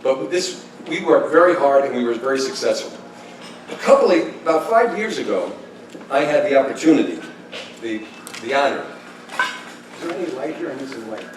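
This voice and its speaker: A man in his sixties giving a tribute speech, telling stories with chuckles and halting restarts. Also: medium pitch, animated, background noise. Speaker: speaker giving a tribute talk. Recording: echoey room, distant mic, kitchen clatter.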